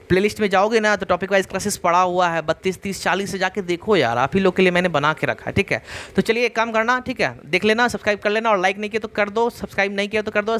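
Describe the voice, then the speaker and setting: A man's voice: sits high, a bit bright. A man teaching an online general-knowledge exam class, reading out questions and options and repeating each answer with rhetorical questions, talking casually to his viewers. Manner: repetitive, drills answers with rhetorical "kya hai?"; casual, addresses viewers as bhaiya and yaar. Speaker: GK quiz teacher.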